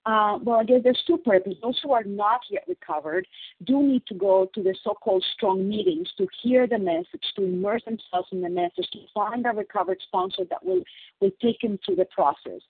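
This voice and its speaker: A woman's voice: mid-range voice, very animated, a little fast, creaky, breathy edge, dry recording. A woman sharing earnestly at a recovery phone meeting, her voice on a crackly phone line that fades in and out. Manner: earnest, explanatory, repeats key phrases. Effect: crackly phone line fading in and out. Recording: tinny dry phone line.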